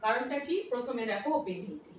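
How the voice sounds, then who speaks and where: A woman teacher with a high-leaning voice and lively intonation explains a lesson step by step at a fast clip, asking questions and answering them herself. She's recorded from a distance in an echoey room with faint noise.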